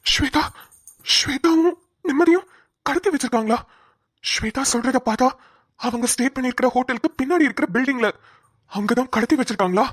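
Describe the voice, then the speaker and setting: A woman's voice: high voice, fairly quick, no echo, clean studio sound. A woman voicing a worried young man in a cartoon, calling out urgently over the phone. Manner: urgent, worried, repeating the name. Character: young male hero, anxious on a phone call. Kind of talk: cartoon voice acting.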